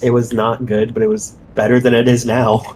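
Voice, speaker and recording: A man's voice: mid-range voice, little pitch movement, fairly quick, a little mellow, slight background noise. A young man chatting with a friend over a game, answering in dry, teasing, profane quips. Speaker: friend on stream. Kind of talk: casual gaming chat.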